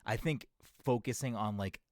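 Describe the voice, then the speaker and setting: Here the same Massachusetts co-host sounds fairly low-pitched and keeps a moderate pace, captured cleanly in the studio without any room sound. His casual podcast talk rambles from tangent to tangent, each word carefully pronounced, with hardly any regional accent.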